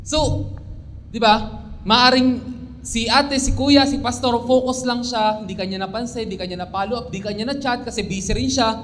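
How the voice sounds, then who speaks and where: Young Filipino male preacher, earnest, high-pitched, recorded in a reverberant church hall with faint background hum. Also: fairly even intonation, moderate pace, a bit bright. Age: young adult. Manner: earnest, mixes English into his talk, pleading at times. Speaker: pastor. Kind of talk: sermon.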